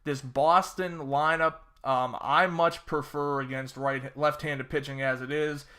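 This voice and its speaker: A man's voice: mid-range voice, steady tone, measured pace, sharp tone. A young man casually breaking down fantasy baseball picks, chatty and rambling with fillers and sarcastic asides. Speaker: fantasy sports analyst. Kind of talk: casual solo sports-betting breakdown.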